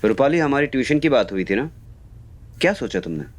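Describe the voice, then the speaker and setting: An actor playing a schoolteacher who coaxes his quiet class with questions. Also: mid-range voice, expressive, a little fast, natural voice. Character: schoolteacher leading a class revision. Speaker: teacher. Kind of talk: web series acting.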